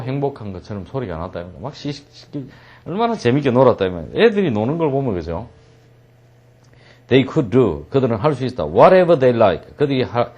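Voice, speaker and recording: A man's voice: mid-range voice, dark tone, muffled recording. A man teaching an English reading lesson, translating line by line and joking as he tells the story.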